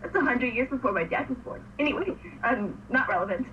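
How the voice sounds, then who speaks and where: A woman co-hosting a casual fan podcast, giggly and excitable, acting out scenes as she retells them. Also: on the high side, fairly quick, distant mic. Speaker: podcast co-host. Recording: dull lo-fi sound with faint noise, off-mic.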